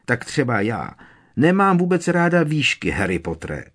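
A man voicing a tiny, servile female house-elf with a squeaky, trembling voice, reading a storybook. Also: huge pitch swings, a bit bright, slightly rough, full character voice. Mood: anxious. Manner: fearful, deferential, keeps saying sir.

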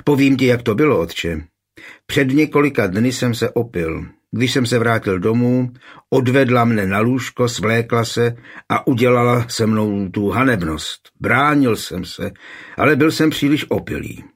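A man's voice: mid-range voice, animated, slightly rough. A man voicing a spoiled, lying young man pleading and accusing in a raised, whining voice.

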